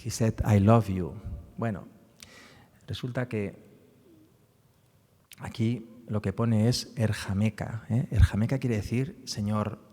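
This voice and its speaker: A man's voice: lowish voice, steady tone, slow, long pauses, mellow, in a large hall. A man from giving a public talk about a book on the psalms, explaining as he goes and often tagging his sentences with little questions. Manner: explanatory, frequent tag questions. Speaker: speaker presenting a book on the psalms.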